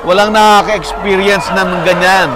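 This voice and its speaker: A man hosting a farm tour interview, eager and quick to exclaim as he asks questions. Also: high-pitched, steady tone, a loud crowd. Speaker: host. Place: large indoor poultry house, chickens clucking. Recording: loud chickens and farm noise behind.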